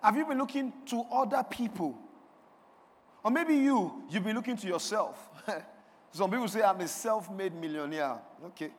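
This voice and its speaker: High-voiced male preacher in a reverberant hall. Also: expressive, moderate pace, long pauses. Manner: call-and-response preaching, swells to emphatic declarations. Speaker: pastor. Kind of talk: sermon. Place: church sanctuary. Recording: long reverb of a large hall.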